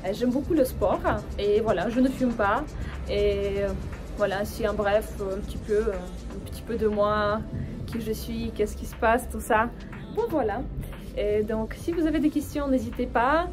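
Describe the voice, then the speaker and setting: With a fairly high pitch at normal speed, a Ukrainian woman who teaches French and makes videos chats personally to camera outside as music plays. Russian is her first language, and her friendly delivery hesitates, with plenty of fillers and restarts.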